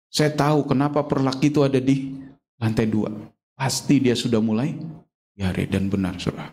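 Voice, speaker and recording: A middle-aged male pastor preaching a sermon in a church, constantly addressing the congregation and climbing to near-shouts at his peaks. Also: medium pitch, vocal fry. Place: church sanctuary.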